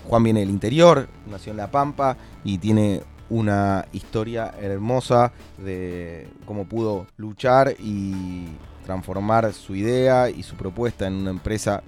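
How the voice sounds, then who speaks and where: An Argentine man with a lowish, slightly mellow voice hosts an interview podcast in a casual conversational style. He speaks in Argentine Spanish, hesitating often, restarting sentences and using many fillers.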